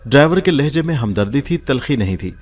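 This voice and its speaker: An audiobook narrator reads a first-person story aloud in a steady, measured way. His pitch sits in the middle of a man's range, and he keeps an even storytelling pace throughout.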